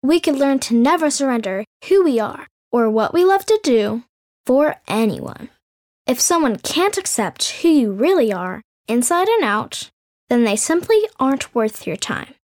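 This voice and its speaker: A woman voicing a wry, wistful female sea witch with a serpent's tail, speaking in a knowing, gently teasing way in a storybook reading. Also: fairly high pitch, very animated, unhurried, dry recording, clean studio sound. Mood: teaching.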